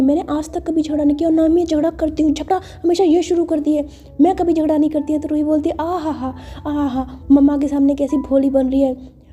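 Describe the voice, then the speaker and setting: In a high-pitched but dark-toned voice, a woman casually tells a story. She retells each scene and speaks the characters' lines herself.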